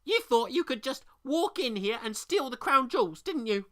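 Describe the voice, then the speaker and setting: A storybook reader voicing an indignant male raven that shouts insults at pirates, screeching and spluttering. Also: sits high, very animated, normal speed, pitched above the performer's own voice. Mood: accusing. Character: indignant shrieking male raven guarding treasure.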